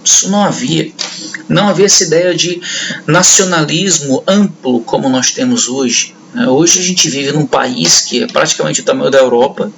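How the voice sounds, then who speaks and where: A man from northeastern Brazil, a history teacher, lectures students in a conversational way and frequently checks in with his class. His voice is on the high side with vocal fry, and the background is noisy.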